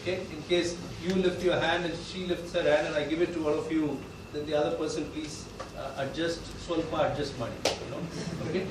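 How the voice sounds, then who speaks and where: A man's voice: a little high, flat delivery, brisk, few pauses. A man with a South Indian accent hosting a live event informally, with a jokey, self-deprecating manner. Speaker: event host and quizmaster. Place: indoor event venue with live audience. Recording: echoey hall, distant, noisy.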